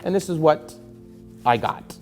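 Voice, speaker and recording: Attorney in his fifties raised in Palestine, earnest and emphatic storyteller, relaxed warm voice. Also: fairly high pitch, soft background music. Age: 50s. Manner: earnest, emphatic, measured with frequent fillers. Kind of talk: personal storytelling to camera.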